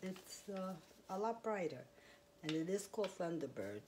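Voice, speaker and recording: Woman, low voice, rambling casual chat, quiet home, clip-on mic, faint hiss. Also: big pitch swings, moderate pace. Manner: rambling, chatty, with fillers and small laughs. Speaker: crochet vlogger. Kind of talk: casual show-and-tell.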